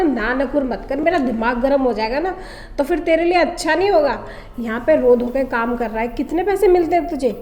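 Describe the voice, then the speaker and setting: A high-voiced, seductive rich wife, played by a woman who coaxes and then bullies. She speaks in a scripted short drama. The recording has a long, echoing reverb. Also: slight background noise, natural voice. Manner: coaxing then bossy and threatening. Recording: echoey room with long reverb.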